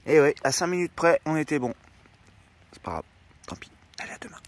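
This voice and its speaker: A man's voice: fairly high pitch, very animated, fairly quick. A man vlogging casually outdoors by a campfire, talking in slang and swearing freely as he rambles. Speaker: van-life vlogger. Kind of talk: casual vlog chat.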